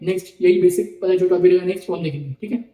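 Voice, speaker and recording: Guy teaching a lesson online, reciting letters one at a time, roomy echoey sound, kinda high voice. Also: rapid-fire, phone-quality sound. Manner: repetitive explaining, frequent "ठीक है" and "okay" check-ins. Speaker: Sanskrit teacher. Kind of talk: online video lecture.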